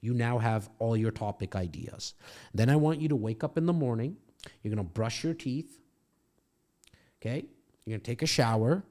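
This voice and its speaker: Animated and warm, this middle-aged man talks at a normal speed in a mid-range voice, leaving long pauses. He hosts a podcast and coaches real estate, and from his home studio he gives a guest a brash, profane pep talk in a casual mentoring chat.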